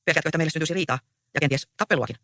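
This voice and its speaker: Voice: mid-range voice, pushed and bright, dry recording, studio quality, natural voice. A reader voicing a proud, easygoing young peasant man in a stage play read aloud. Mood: reassuring.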